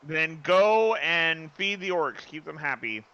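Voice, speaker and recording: A man's voice: fairly high pitch, lively intonation, slow, sharp tone, clear, resonant tone, lo-fi sound. A man playing a tabletop game who gives short, dry replies. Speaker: player. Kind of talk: casual tabletop play.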